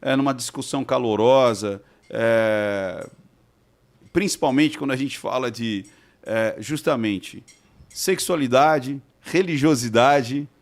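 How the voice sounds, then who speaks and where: A man, speaking as an expert guest in a relaxed interview. His pitch sits in the middle range, and he explains step by step, often pausing to ask whether his listener follows. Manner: explanatory, keeps checking with rhetorical questions. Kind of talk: casual interview conversation.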